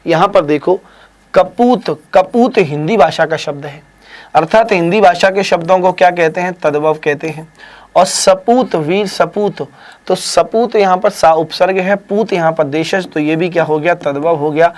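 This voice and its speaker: A man teaching a live online spelling quiz, who urges students to answer fast, praises them briskly, teases them, and stretches each word out slowly. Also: sits high, darkish tone. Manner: drawn-out slow spelling of words, brisk praise and teasing. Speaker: Hindi exam teacher.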